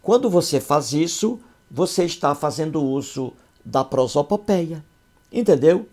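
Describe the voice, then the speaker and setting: A man with a somewhat high voice teaches a grammar lesson. He repeats his examples and keeps asking his listeners whether they have understood. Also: lively intonation, a little slow, a little mellow. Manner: repetitive, checks understanding with rhetorical questions.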